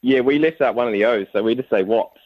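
A man's voice: medium pitch, fast, lo-fi sound. A man with a broad New Zealand accent chatting casually as a radio guest, explaining things in a laid-back, slangy way. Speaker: guest comedian.

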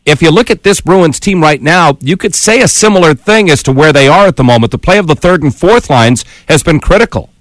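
Steady-voiced sports radio host man. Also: on the high side, fairly quick, few pauses, no echo.

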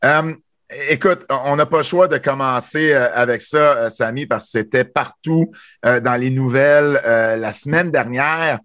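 A man's voice: medium pitch, moderate pace, a bit bright, no echo, studio quality. A man, co-hosting a casual podcast chat, talkative with lots of fillers and restarts. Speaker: podcast co-host.

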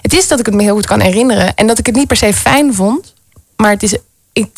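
A woman's voice: medium pitch, quick pace, dry recording. Candid woman telling a personal story. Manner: candid, frequent fillers and restarts.

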